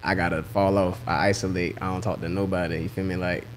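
A man's voice: deep voice, little pitch movement, quick pace, slight background noise. A man, a rapper guest talking casually and slangily on a podcast. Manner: laid-back, slangy, keeps saying "you know what I'm saying".

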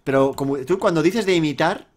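A man's voice: on the high side, brisk. A young man with a Spanish accent hosting a casual gaming session, teasing his friend and repeating himself insistently. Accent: Spain Spanish. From Spain. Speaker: gaming channel host. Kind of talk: casual let's-play banter.

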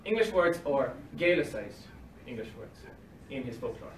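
An expressive young man with a medium-pitched voice reads a conference talk from paper at a lectern at a moderate pace, tossing in dry asides with short laughs. Captured from across a library meeting room on a phone camera, the audio is roomy and distant, with faint hiss and livestream quality.

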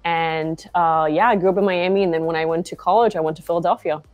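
Quick and steady, her lowish, darkish voice carries over faint background music. She's a young founder from Argentina on a video call in a brightly lit shop, giving a casual interview peppered with fillers.

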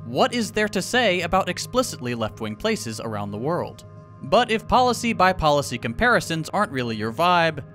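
A man's voice: high-pitched, a bit bright. A man from the United States narrating a scripted video essay with sarcastic, wry asides.

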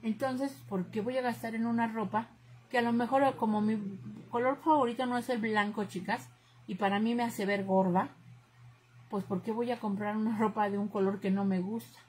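A woman's voice: a little high, steady tone, moderate pace, darkish tone, breathy edge, low-quality recording. A middle-aged woman with a Mexican Spanish accent, chatting openly to her viewers, outspoken, often calling them "chicas". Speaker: crafts channel host. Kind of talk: casual chat to viewers.

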